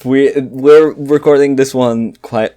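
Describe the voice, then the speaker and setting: A man's voice: medium pitch, steady tone, takes it slowly, mellow. A young man hosting a podcast in a goofy, giggly way, making silly noises while he chats casually. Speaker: podcast host and editor. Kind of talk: casual chat.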